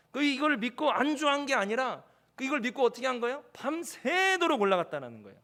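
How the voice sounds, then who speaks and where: A male pastor preaching an evening sermon, animated, acting out quoted speech and leading the congregation in reading aloud. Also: very high-pitched.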